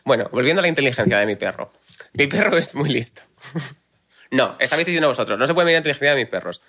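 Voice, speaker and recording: A man hosting a podcast, casual and animated, joking and laughing a lot. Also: medium pitch, rapid-fire. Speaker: podcast host. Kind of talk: casual chat.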